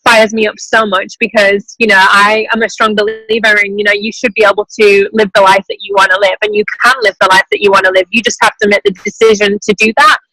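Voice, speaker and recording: Speaking quickly with hardly any pauses, an English woman in her twenties gives an enthusiastic, informal motivational testimonial as a team member on a group video call from an airport terminal. Her medium-pitched voice is steady and sharp, with no room sound and low recording quality.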